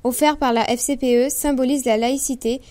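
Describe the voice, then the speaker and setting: A woman's voice: high voice, fairly even intonation, brisk, darkish tone. A woman reporter narrating a scripted report for an amateur school news programme.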